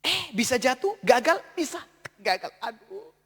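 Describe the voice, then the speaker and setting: A pastor preaches emphatically, his very high voice bright and forceful. He repeats words and swings from soft asides to shouts. A long hall echo trails his voice. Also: very animated, normal speed, slightly rough. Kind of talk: sermon. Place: church hall. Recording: long church hall reverb.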